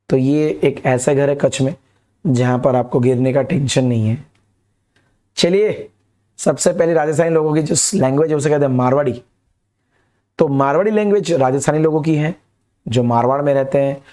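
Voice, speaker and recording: A man's voice: on the high side, warm tone. A young man explains a lesson to students directly and mixes English words into his talk. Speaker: teacher. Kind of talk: animated classroom lesson.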